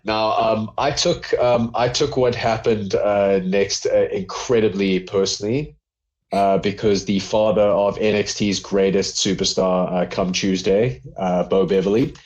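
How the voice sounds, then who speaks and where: A man chats through an old wrestling show as a podcast co-host. His voice sits a bit low, and he rambles, doubling back with fillers and laughing easily. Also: fairly even intonation, unhurried, a little mellow, dull audio. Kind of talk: casual wrestling review chat.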